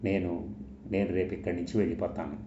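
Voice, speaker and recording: A man's voice: low voice, fairly even intonation, fast talker, background noise, lightly acted. A man reading the part of a guilt-ridden young wife and mother who pleads through tears, in an echoey, dull recording. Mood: quiet, halting.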